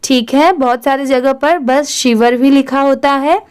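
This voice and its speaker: A woman's voice: high voice, steady tone, a little slow, a little mellow. A young woman with an Indian accent teaching English reading, spelling out words letter by letter and asking and answering her own questions. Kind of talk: slow spelled-out reading lesson.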